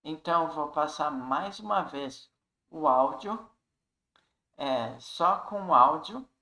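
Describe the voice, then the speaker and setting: A man's voice: a little high, lively intonation, slow pace, pushed and bright, roomy sound, low-quality recording. A man teaching an English lesson, reading a text aloud and repeating phrases to coach pronunciation.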